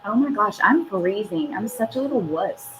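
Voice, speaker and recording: A woman's voice: medium pitch, expressive, normal speed, a little hiss or hum, poor audio. A woman, co-hosting a casual morning radio chat, giggly and self-deprecating. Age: 30s. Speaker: radio show co-host.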